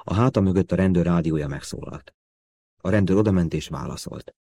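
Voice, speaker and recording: A man narrating a spy thriller audiobook in a steady, measured reading. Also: deep voice, creaky, no echo. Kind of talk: scripted narration.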